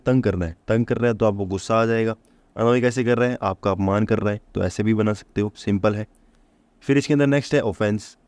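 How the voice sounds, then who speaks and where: A man's voice: mid-range voice, a little mellow, no room sound. A man teaching a vocabulary lesson for exam prep. He keeps asking the listener rhetorical questions, answers them himself, and repeats each memory trick. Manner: repeats key points to drill memory tricks.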